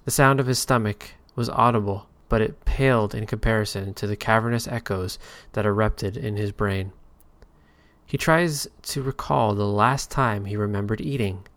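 A man narrating a scripted story in a measured, dry manner. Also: lowish voice, no echo. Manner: measured, dry storytelling with occasional hushed whispers.

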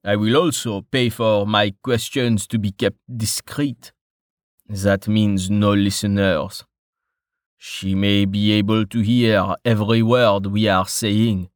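A man's voice: on the low side, little pitch movement, slow pace, no room sound. A man voicing a guarded male adventurer with a dry manner.

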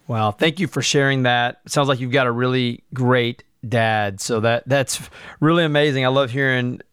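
A man's voice: medium pitch, fairly even intonation, moderate pace, a bit bright, clear, resonant tone, no room sound, studio quality. A man hosting a podcast, speaking in an earnest, encouraging way to his guest and listeners. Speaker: podcast host. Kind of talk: podcast interview.

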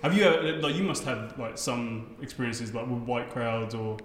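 Animated comedian man, echoey room. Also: mid-range voice, moderate pace. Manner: animated storyteller, swears freely. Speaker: stand-up comedian. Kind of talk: casual chat. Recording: echoey room with long reverb.

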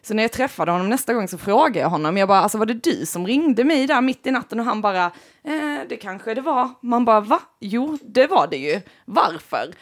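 A woman's voice: a little high, hardly any pauses. A woman telling stories in a casual podcast chat, swearing and laughing often. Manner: animated storytelling, swearing, frequent laughter.

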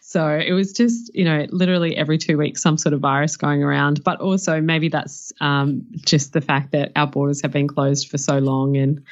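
A woman's voice: low-pitched, fairly even intonation, normal speed, hardly any pauses. A woman with an Australian accent co-hosting a podcast in a casual, conversational style. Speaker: podcast co-host. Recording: slightly dull, lo-fi audio.

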